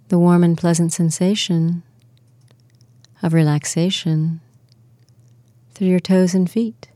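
A woman talks listeners through a guided relaxation in an unhurried, soothing way. Her voice sits low and mellow. The recording is close and dry, with no room sound. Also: dry recording. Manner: slow, soothing, soft-spoken instructions.

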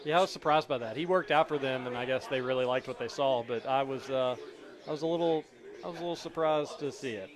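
A man hosting a sports radio show live from a racetrack, relaxed and dry, laughing easily. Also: medium pitch, fast talker. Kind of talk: casual radio banter. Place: outdoor live broadcast at a racetrack.

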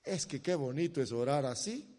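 High-voiced preacher, loud and soft by turns. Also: male voice, normal speed. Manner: animated, swings from loud exhortation to soft, quiet asides. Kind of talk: sermon. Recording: long hall reverb.

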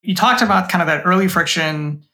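Bright-toned interviewer. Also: mid-range voice, a little fast. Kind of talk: interview questions.

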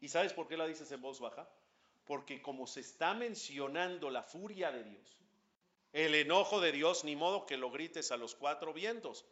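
Bright-voiced rabbi teaching a class. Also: male voice, on the high side, moderate pace, dull audio. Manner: animated, asks the audience questions, chants Hebrew prayers. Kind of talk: lively religious class talk.

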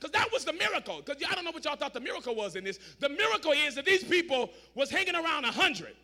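High, bright-voiced preacher shouting his sermon. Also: very animated, fast talker. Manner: shouts and drops to a low, conversational aside, repeats words, talks back to the crowd. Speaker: pastor. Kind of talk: energetic sermon to a congregation.

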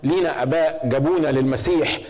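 A man's voice: a little high, quick pace, a little mellow, in a large hall, low-quality recording. A middle-aged man with an Egyptian accent preaching a sermon as pastor, conversational and often asking the congregation questions. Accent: Egyptian Arabic. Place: church.

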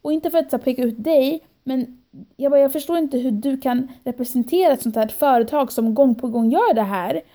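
Young woman retelling a story, mellow. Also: sits high. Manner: animated storytelling, quoting herself and others; mixes in English phrases. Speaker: podcast guest. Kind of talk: casual podcast chat.

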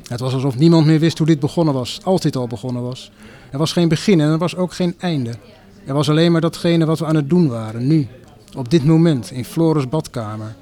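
Measured man reading literary fiction. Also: fairly high pitch, darkish tone. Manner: measured, deliberate storytelling. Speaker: narrator.

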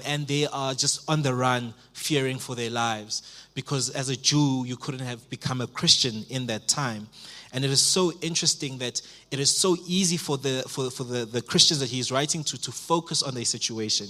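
A man's voice: medium pitch, fairly bright tone. A man in his twenties, a pastor preaching a sermon in church, earnest, with repeated phrases and many fillers. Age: 20s.

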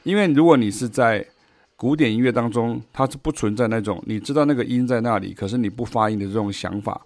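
A man's voice: medium pitch, quick pace, a little mellow, no room sound. Taiwanese man teaching jazz on a podcast. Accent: Taiwanese Mandarin. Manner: explains through sung rhythm syllables and examples. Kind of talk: podcast music lesson.

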